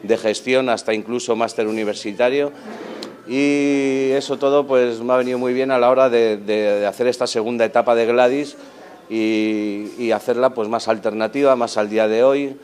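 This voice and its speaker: In a restaurant dining room, a man in his thirties who manages the place gives an on-camera interview, talking sincerely into the interviewer's handheld mic. His medium-pitched, slightly mellow voice is often broken by fillers and false starts.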